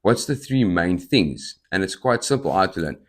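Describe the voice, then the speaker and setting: A man in his thirties tells his own story on his podcast in a somewhat low voice. He hops from topic to topic and acts out the people he quotes. Tics break into his talk now and then. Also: expressive, normal speed. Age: 30s. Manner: jumps between topics, acts out quoted dialogue; tics and sudden outbursts mid-speech. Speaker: podcast host. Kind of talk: personal storytelling monologue.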